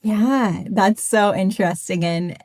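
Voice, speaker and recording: A woman hosts a conversational podcast interview, welcoming her guest in a friendly, upbeat way. Her voice is medium-pitched and recorded dry, with no room echo. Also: slow, darkish tone. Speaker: podcast host.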